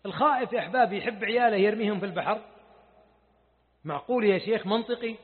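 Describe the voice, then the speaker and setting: A man preaching a sermon, passionate, dropping to a hush and then rising loud. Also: high-pitched, quick pace. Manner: impassioned, swings between hushed and loud. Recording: tinny phone-like audio with long hall reverb.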